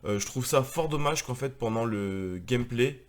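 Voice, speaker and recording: A man's voice: medium pitch, moderate pace. A man, married with a daughter, chatting casually and rambling with many fillers as he presents his video game collection. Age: adult, married with a daughter.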